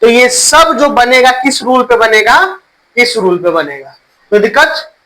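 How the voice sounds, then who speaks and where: A man's voice: very high voice, lively intonation, measured pace, pushed and bright, poor audio. A male teacher giving a classroom grammar lesson, quizzing students, repeating their answers and spelling words letter by letter.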